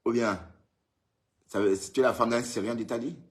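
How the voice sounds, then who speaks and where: A man's voice: mid-range voice, steady tone, brisk. A man hosting a casual live stream, greeting viewers by name and teasing them in a chatty way. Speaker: livestream host. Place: indoors, at home in Europe.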